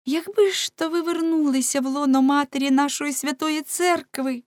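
A woman doing a pious young tavern maid, high and earnest. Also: normal speed, no room sound, clean studio sound, close to an everyday voice.

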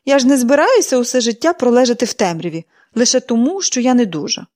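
A woman's voice: a little high, expressive, fast talker, darkish tone, pitched above the performer's own voice, lightly acted. Brief: cranky sick older woman, complaining tone, voiced by a female reader. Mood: grumbling. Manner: peevish, grumbling. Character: irritable bedridden older woman.

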